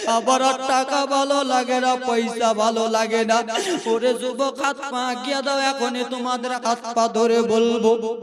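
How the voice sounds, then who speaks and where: High-voiced preacher chanting a tearful sermon. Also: male voice, little pitch movement, a little slow, crowd noise. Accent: Malda Bengali. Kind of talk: sung Bengali waz sermon. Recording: echoey hall, distant mic, music.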